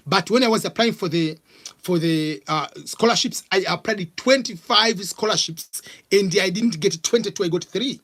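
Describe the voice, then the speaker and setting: During a live Q&A vlog, a middle-aged Tanzanian man with a Tanzanian accent replies to viewers in a loose, halting style packed with fillers. His voice sits high, with a fairly bright tone and a breathy edge.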